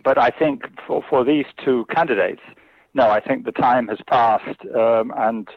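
Over a tinny phone line, a man with a mid-range voice speaks a little slowly, with no echo. He's a China specialist answering interview questions as a guest commentator, sounding hesitant and full of fillers and restarts.

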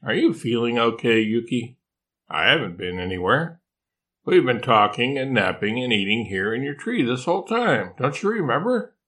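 An older man voicing a mischievous female bearded dragon who keeps a falsely calm, concerned tone in a storybook. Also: mid-range voice, normal speed. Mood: mock concern. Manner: feigned calm, teasing, deadpan concern.

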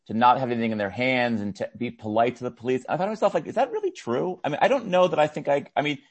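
A man hosting an interview podcast, asking questions in a quick, conversational way with restarts. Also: medium pitch. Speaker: podcast host. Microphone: video call.

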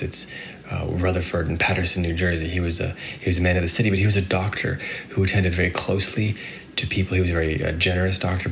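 A man hosting a poetry podcast in a measured, reflective and somewhat halting way, recorded on a phone with a hollow sound. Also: low-pitched, creaky, fairly bright tone. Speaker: podcast host. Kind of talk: poetry podcast talk with readings. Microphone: iPhone. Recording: hollow phone recording, faint background noise.

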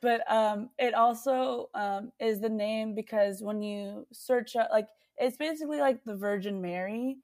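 A young woman from the United States talks casually as a guest in an interview. Her voice sits slightly high. She rambles with lots of fillers and restarts. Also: measured pace, few pauses, darkish tone. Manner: chatty, many fillers and restarts. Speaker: singer-songwriter guest.

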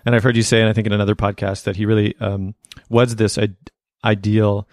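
A male podcast host with a fairly low voice who asks his questions haltingly, searching for words. The recording is dry and close, with no room sound. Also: level tone, darkish tone, no room sound. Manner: hesitant, searching, many fillers. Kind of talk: interview questions.

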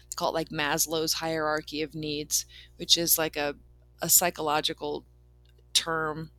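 A woman's voice: sits low, little pitch movement, a little slow, sharp tone, no echo. A woman giving a casual, unscripted self-help talk, saying "like" very often and restarting her sentences as she goes. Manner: says "like" a lot as a filler; rambling, self-interrupting, repeats words and restarts sentences. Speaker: law of attraction speaker.

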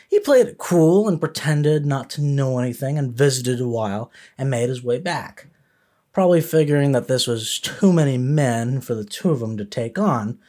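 A man's voice: mid-range voice, darkish tone. A man hosting a podcast, narrating a history story with the occasional filler word. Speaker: podcast host.

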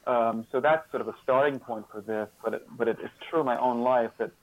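A man who is a guest author and social scientist speaks as an expert in an interview, earnest and reflective, frequently repeating words as he thinks. His voice is medium-pitched and brisk. The audio comes through a muffled, narrow-band line that sounds like a phone.

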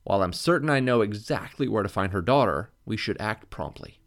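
A courteous middle-aged lawyer speaks in formal, reassuring phrases, as a man reads him in an audiobook. His voice sits fairly low and carries polished calm. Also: a little fast.

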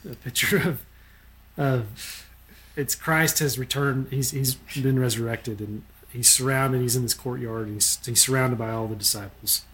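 A man's voice: medium pitch, steady tone, normal speed, a bit bright. A man in casual conversation, recalling things in a rambling, unsure way with many fillers.

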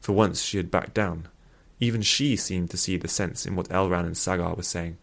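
A man reads a fantasy story aloud as its narrator. His voice is very low and gravelly. He keeps a steady storytelling pace. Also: normal speed. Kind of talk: fiction read-aloud narration.

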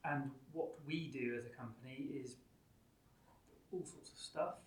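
A man answering as a podcast guest, conversational and thoughtful, tentatively searching for his words. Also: a little slow. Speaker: podcast guest, company co-founder. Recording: echoey room with rumbling background noise.

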